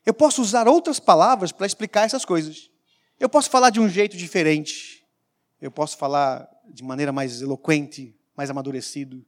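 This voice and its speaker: Emphatic pastor preaching. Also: male voice, fairly high pitch, fairly quick. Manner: emphatic preaching with sudden loud peaks and quiet asides. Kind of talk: sermon.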